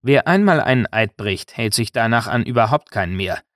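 A man's voice: mid-range voice, expressive, fairly quick, a bit bright, dry recording, studio quality, lightly acted. A man voicing a defiant young male prisoner, speaking scornfully.

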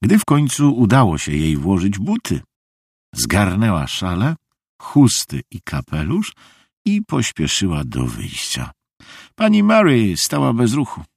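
A man narrating an audiobook story in an expressive, slow storytelling voice. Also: lowish voice, vocal fry, slightly rough, dry recording, studio quality. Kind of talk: scripted narration.

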